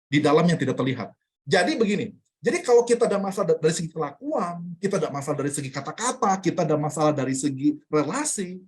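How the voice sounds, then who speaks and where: A man teaching an online Bible study in a casual way, asking the group rhetorical questions and repeating key phrases, heard over a video call. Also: high voice.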